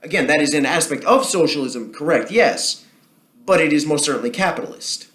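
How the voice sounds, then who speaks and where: A man's voice: fairly high pitch, lively intonation, fairly quick, fairly bright tone. Rambling argumentative man with Jersey accent. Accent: New Jersey. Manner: rambling, argumentative, with frequent ums and restarts. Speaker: political commentary vlogger. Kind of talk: casual solo commentary.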